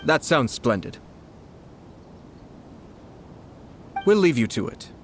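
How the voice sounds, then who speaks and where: An actor playing a composed, politely playful young nobleman in a video game, speaking in a courtly, measured, formal way. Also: medium pitch, very animated, slight background noise, close to an everyday voice. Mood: courteous. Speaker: clan commissioner character.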